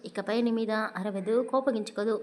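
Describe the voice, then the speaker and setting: A woman voicing a young husband who talks to his wife in a gently teasing, amused way. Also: a little high, steady tone, normal speed, close to an everyday voice.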